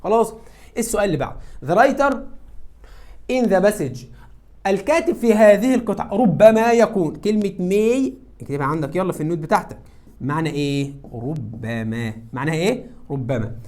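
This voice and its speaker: A man with an Egyptian Arabic accent teaching English to high school students, who asks questions and answers them himself. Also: animated, a little fast, a little mellow. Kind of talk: classroom lesson explaining exam answers.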